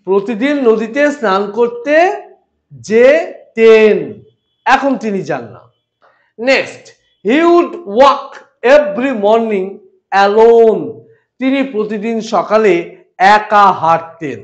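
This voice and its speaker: A male English grammar teacher with a Bengali accent, explaining slowly and deliberately, repeating points and asking rhetorical questions. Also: high-pitched, muffled recording. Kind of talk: grammar lesson.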